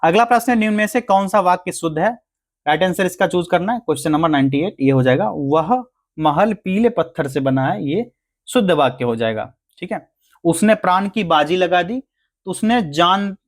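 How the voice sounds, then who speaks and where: A man teaching a grammar lesson for exam prep, going through answers step by step and answering his own questions. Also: a little high. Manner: explains answers step by step, asking and answering himself.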